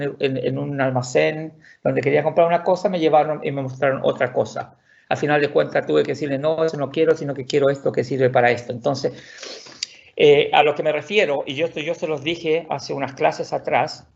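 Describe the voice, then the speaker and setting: Man, online language teacher, patient, repetitive explainer; gravelly, dull lo-fi recording. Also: a little high. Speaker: Swedish teacher. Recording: dull lo-fi audio.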